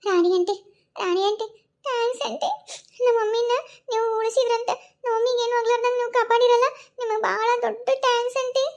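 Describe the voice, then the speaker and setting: A woman voicing a sweet, clingy small girl in a cartoon, speaking with a North Karnataka accent in a high childlike chirp. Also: fairly even intonation, a little fast. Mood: grateful. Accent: North Karnataka Kannada. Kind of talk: cartoon voice acting.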